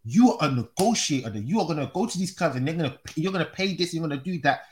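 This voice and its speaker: A man's voice: fairly high pitch, animated, quick pace. A man in casual football chat, making points emphatically and repeating words as he builds them. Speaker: football fan panellist on a podcast.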